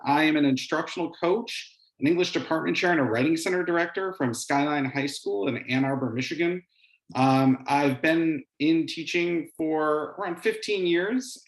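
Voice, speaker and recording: A middle-aged man giving an informal webinar presentation as an instructional coach, with hesitant phrasing and frequent pauses. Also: mid-range voice. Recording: roomy, echoing sound.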